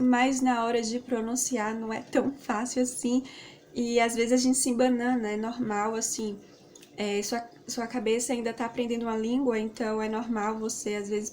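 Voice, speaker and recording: A Brazilian woman, Portuguese her first language, talks through a relaxed English lesson in a slightly high voice. She rambles, with many fillers and tag questions along the way. Faint background noise is heard behind her. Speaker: English teacher.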